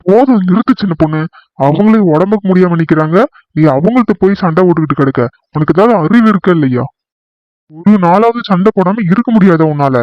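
A tired village husband in a cartoon, voiced by a man, who scolds with weary exasperation. His voice stays fairly high for a man. The sound is dry and dull. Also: animated, fairly quick, dry recording. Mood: scolding.

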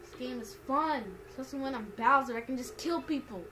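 A woman's voice: high-pitched, fairly quick, poor audio. A woman giving casual let's play commentary in a slangy, exclamatory way, muttering to herself as she plays. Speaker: gaming video player. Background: video game music.

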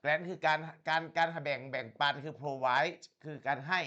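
This man's pitch is fairly high and the audio sounds dull. He tutors English one-on-one with Thai explanations, careful and slow English reading, and consistent encouragement.

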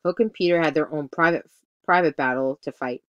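A woman teacher reading a children's story aloud, expressive, now and then correcting a slip. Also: low-pitched, fairly quick, no echo, highs cut off. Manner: expressive, occasional self-corrections.

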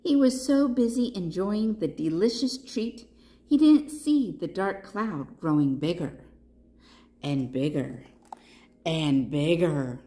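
A woman librarian reading a picture book aloud to children in an expressive way, pausing to ask her listeners questions. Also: medium pitch.

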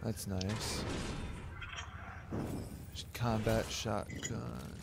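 A man chatting with friends while gaming, crude and jokey, shouting at the action on screen. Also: fairly low pitch, fairly even intonation, very slow, gravelly. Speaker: gamer in voice chat. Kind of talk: casual gaming banter. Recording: game noise underneath.

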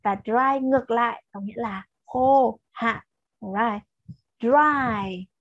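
A woman's voice: fairly high pitch, slow pace, a bit bright, dry recording, lo-fi sound. A woman with a Vietnamese accent teaching English to children, patiently mixing Vietnamese explanations with repeated English drill words. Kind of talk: slow lesson with repeated pronunciation drills.

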